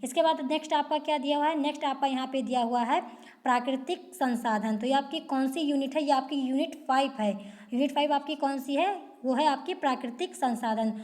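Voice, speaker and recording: Woman teacher, high voice, explains a syllabus, asks and answers her own questions. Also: darkish tone. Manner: repetitive rhetorical questions, answered at once.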